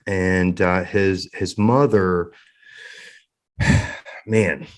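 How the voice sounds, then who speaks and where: A middle-aged man telling a personal story in an interview, halting and emotional, choked up with grief and fighting back tears. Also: low-pitched, fairly even intonation. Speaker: interview guest.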